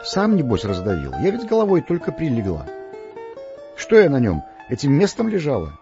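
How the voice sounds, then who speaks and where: A man reading an audiobook, voicing an indignant middle-aged woman on a train who scolds in a shrill, high voice. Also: very animated, moderate pace, a little mellow, lo-fi sound, faint music behind. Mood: indignant scolding.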